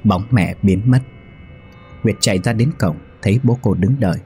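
A man calmly narrating a ghost story in a measured, scripted way. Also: on the low side, husky, soft background music.

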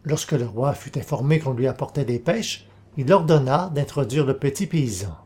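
A man reading a folk tale aloud as narrator, in a measured, even storytelling manner. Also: mid-range voice.

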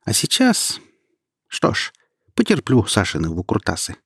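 A man reading an audiobook and voicing a scheming, mocking young woman rival in a raised, louder voice. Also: lowish voice, huge pitch swings, unhurried, breathy edge, no room sound, studio quality, full character voice. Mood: confident. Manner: mocking, then pleading.

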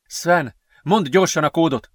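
A man's voice: on the high side, dry recording, clean studio sound, pitched above the performer's own voice, lightly acted. A man voicing a determined teenage boy in an audiobook, tense and insistent. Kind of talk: audiobook character voice.

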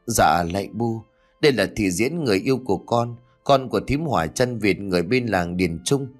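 Male narrator as a cowardly young man, meek and hurried. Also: fairly low pitch, expressive, soft background music. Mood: nervous. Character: timid young man, cowardly only son.

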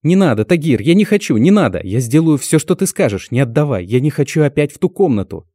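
Frantic young woman, played by a male audiobook reader, high loud pleas, dry studio. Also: sing-song, moderate pace, dry recording. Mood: pleading. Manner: high, loud, breathless pleading.

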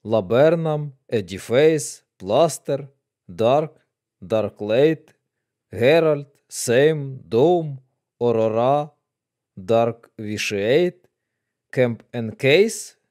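A man voicing a loud, blustering older military colonel who speaks abruptly and exclaims. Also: mid-range voice, animated, very slow, voice pushed down.

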